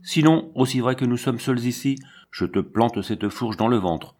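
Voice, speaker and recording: A man's voice: mid-range voice, normal speed, a little mellow, natural voice. Man voicing a fierce young menagerie girl. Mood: threatening. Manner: fierce, threatening.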